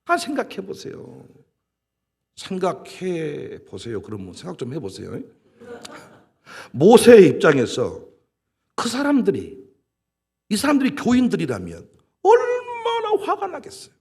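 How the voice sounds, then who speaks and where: Animated husky male pastor preaching. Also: sits high, moderate pace, pauses often. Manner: animated, emphatic, dramatizes with quoted voices. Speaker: senior pastor. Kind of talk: sermon.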